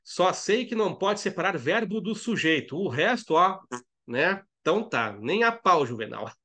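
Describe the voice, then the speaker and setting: Brazilian male teacher, fairly high voice, jokey live-class host, constant "tá?" and "né?" tags. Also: lively intonation, fairly bright tone. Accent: Brazilian Portuguese. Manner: jokey, reads viewer chat aloud, frequent "tá?" and "né?"; slows right down to spell out words. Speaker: online Portuguese grammar teacher. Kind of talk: live online lesson, chatty and playful.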